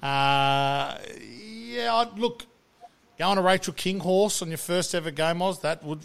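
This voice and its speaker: A man's voice: sits high, slow, creaky, fairly bright tone, clear, resonant tone. An Australian man hosting a racing podcast with casual banter, talking in a blokey, slangy, sweary way. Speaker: podcast host.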